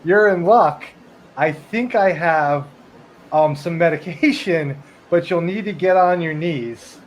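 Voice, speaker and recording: A man's voice: on the high side, slow pace, a little hiss or hum, rough recording. A man playing an offhand house-call doctor.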